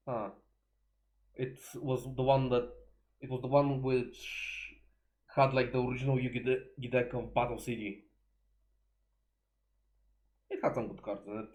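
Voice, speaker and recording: A man's voice: medium pitch, steady tone, a little slow, pauses often, a little mellow. A man casually chatting through a reaction video, swearing freely and laughing as he goes.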